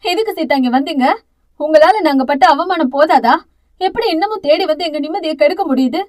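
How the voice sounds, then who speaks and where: A woman's voice: high-pitched, a little fast, darkish tone, lightly acted. A woman voicing a grieving, fearful mother who laments through tears, in an audio novel. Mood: anguished. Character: anguished mother, weeping and fearful.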